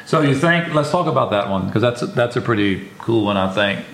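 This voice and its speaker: Rambling low-voiced man in a roomy room. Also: brisk, slight background noise. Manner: relaxed, rambling, restarts and fillers. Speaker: podcast co-host, former missionary. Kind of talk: casual conversational chat. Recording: roomy echo, faint ambience.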